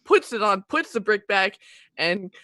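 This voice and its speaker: A woman acting as game master, narrating a tabletop game in a casual, improvised, halting way. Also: medium pitch, animated, a bit bright, no echo.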